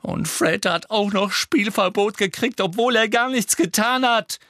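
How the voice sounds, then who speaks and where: A man puts on a teenage girl from a storybook, worked up and angry. Her voice rides high and strained, pushed out loudly. Nothing held back. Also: a little slow, dry recording, clean studio sound. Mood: furious.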